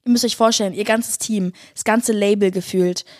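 A young woman, a singer and vlogger, excitedly telling her viewers a story, gushing and breathless, mixing English slang into her German. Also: medium pitch, moderate pace, no echo, clean studio sound.

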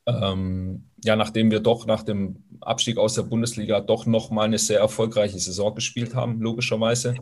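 A medium-pitched man in his forties, a former professional footballer from Swabia, Germany, with Italian roots, gives reflective interview answers. He is thoughtful and hesitant, relying on frequent fillers.

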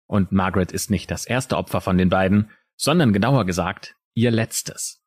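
A man with a deep voice and a Palatinate German accent co-hosts a true crime podcast, narrating the case dramatically with pauses.

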